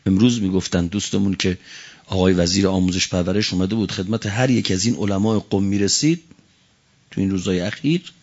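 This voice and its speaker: In a lo-fi recording, a low-voiced male cleric preaches a fiery religious sermon. His oratory swings from quiet to shouting, and he slowly chants quotations in Arabic.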